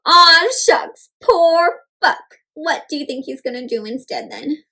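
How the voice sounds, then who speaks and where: A woman with a high voice and some vocal fry reads a children's storybook at a measured pace. She's animated, quizzing the listeners and sprinkling in fun sound effects and exclamations.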